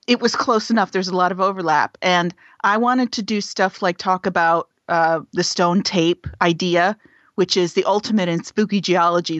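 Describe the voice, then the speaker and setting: Female interview guest, conversational, lower register, lo-fi audio. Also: fairly bright tone, no echo. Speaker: interview guest, science writer. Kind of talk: casual interview chat.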